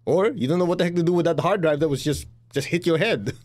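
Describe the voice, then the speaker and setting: A middle-aged man with a Chinese accent, his voice fairly high, quick and a little mellow, gives a blunt spiritual talk as a teacher. He mimics the people he quotes and laughs at his own jokes.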